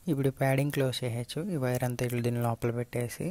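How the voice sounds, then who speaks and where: Over loud music, a man with a Telugu accent speaks rapid-fire at medium pitch with a flat delivery. He's a vlogger reviewing and installing gear, explaining each step in an unscripted hands-on tutorial.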